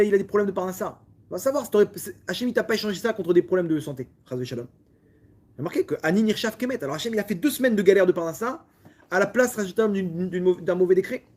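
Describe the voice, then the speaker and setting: Brief: French-accented male rabbi, husky voice, casual sermon with stumbling restarts. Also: sits high, animated, fast talker, darkish tone. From France. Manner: repetitive, stumbling restarts, talks directly to listeners. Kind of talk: lively Torah lesson to a small audience.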